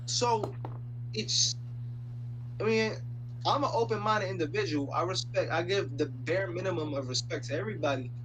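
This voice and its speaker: A young Dominican man rants casually to a random stranger on video chat, his high-pitched voice at a moderate pace. The low-quality audio comes from a computer mic with loud background hum, and he rambles with plenty of fillers, slang, and lots of swearing.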